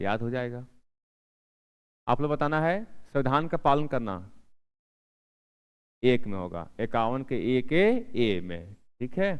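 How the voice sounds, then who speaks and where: A man's voice: mid-range voice, smooth. A man teaching with quiz questions, in a room with long reverb. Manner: asks questions and answers them himself; repeats key answers several times. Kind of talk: exam-prep lesson.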